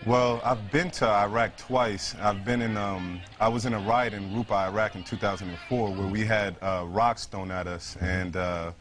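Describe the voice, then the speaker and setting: A man's voice: lowish voice, steady tone, normal speed, hardly any pauses, a bit bright, faint music behind. A man from New York City answering interview questions as a military veteran, earnest and conversational, often repeating himself. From United States, New York City. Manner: earnest, repeats himself, frequent "you know".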